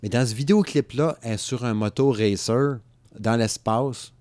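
A man's voice: mid-range voice, moderate pace, a little mellow, no room sound. A man in his thirties with a Quebec French accent, rambling casually about music on a podcast and laughing often. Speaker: podcast co-host.

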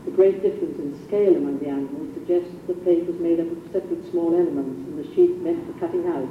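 Posh male lecturer, thin distant recording. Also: on the high side. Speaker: lecturer on historic decorated papers. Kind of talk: illustrated slide lecture. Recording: muffled phone-like old recording, roomy, distant, hissy.

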